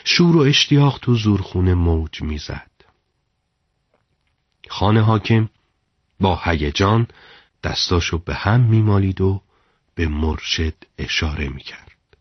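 A man narrating a story in a measured, dramatic storytelling delivery. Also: low voice, animated, breathy edge, dry recording, lo-fi sound.

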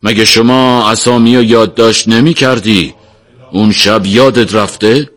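A man voicing a stern older male cleric who questions in a measured, firm way. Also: fairly low pitch, fairly even intonation, fairly bright tone, natural voice.

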